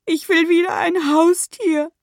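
A woman's voice: very high voice, steady tone, a little slow, no echo, clean studio sound, pitched above the performer's own voice. A woman voicing a sulky little boy who wails and cries. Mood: wailing. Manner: sulky, wailing.

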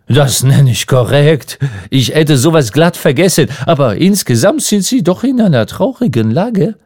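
A man reading an audiobook, voicing an excitable, teasing Frenchman in a raised, animated voice. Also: a little high, moderate pace, slightly rough, voice pushed up, exaggerated voice. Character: excitable mocking Frenchman, grown man, theatrical.

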